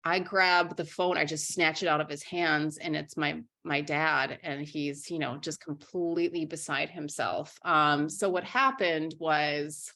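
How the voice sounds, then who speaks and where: A young woman from Minnesota speaks low in her range and candidly in a conversational interview. She restarts her sentences and fills pauses with "um" and "you know.". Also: steady tone, pushed and bright. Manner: frank and candid, restarts sentences, many fillers. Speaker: interview guest, writer and journalist.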